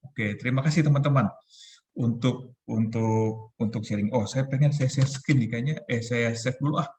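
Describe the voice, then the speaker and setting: A man in his forties giving a relaxed, chatty youth talk over a video call, laughing often. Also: medium pitch, moderate pace, slight background noise. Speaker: youth ministry speaker.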